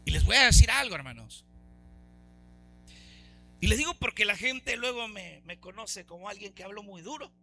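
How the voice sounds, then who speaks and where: A man preaching a sermon as pastor, fervent, swinging between loud exclamations and soft low asides. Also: lively intonation, moderate pace, long pauses, faint music behind.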